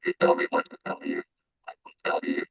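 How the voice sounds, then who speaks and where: An older man using a robot voice filter that disguises his voice and makes it very deep, playing a commanding male robot who talks in a slow, mechanical way. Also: completely flat delivery, gravelly, dull audio, background noise, full character voice. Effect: robot voice filter making the voice very deep.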